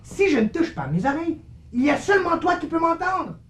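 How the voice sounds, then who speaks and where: A woman's voice: very high voice, very animated, brisk. A woman voicing a mischievous male living shadow with a teasing, slightly haughty manner, in a children's puppet show.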